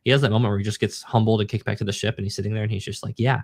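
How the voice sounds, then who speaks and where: Low-voiced man chatting on a podcast. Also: flat delivery, very fast, no room sound. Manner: enthusiastic, acts out characters' lines. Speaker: podcast co-host. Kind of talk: casual manga discussion.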